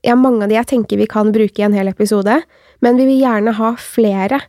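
A woman co-hosting a podcast, reading a listener's horror story aloud in a slow, measured way. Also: fairly high pitch, fairly even intonation, warm tone, no room sound, clean studio sound. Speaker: podcast co-host.

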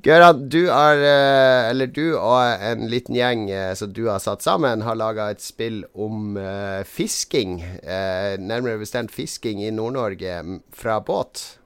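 A man's voice: fairly low pitch, hardly any pauses, clear, resonant tone, no room sound. A man with a Northern Norwegian accent casually hosting a podcast. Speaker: podcast host.

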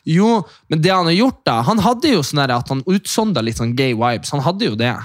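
A young man telling a long story in casual chat, animated and swearing, acting out other people's shouts. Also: fairly high pitch, dry recording, clean studio sound. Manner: animated, acts out quoted voices loudly; swears a lot, fast rambling.

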